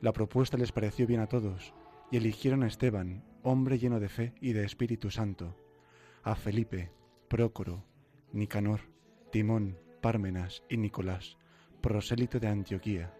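A young seminarian with a Castilian Spanish accent co-hosts a radio show, mixing scripture reading with conversation. His fairly low voice is mellow and steady at normal speed, picked up by a studio microphone in a radio studio with faint music behind.

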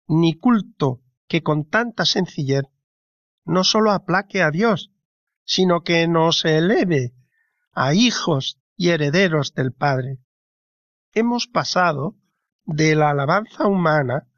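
A man co-hosting a radio program, reading a scripted spiritual reflection slowly and reverently. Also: fairly high pitch, a bit bright, no room sound, lo-fi sound. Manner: slow, reverent, deliberate reading. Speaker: radio co-host.

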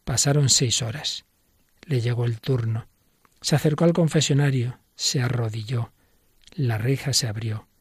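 A man hosting a religious program, reading a story in a calm, measured narration. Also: mid-range voice, slightly rough, no room sound, clean studio sound. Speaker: host of religious radio program.

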